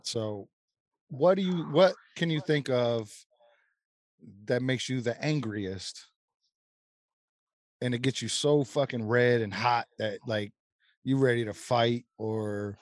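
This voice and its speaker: Relaxed man on a dry mic. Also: mid-range voice, dry recording. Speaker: podcast co-host. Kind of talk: casual chat.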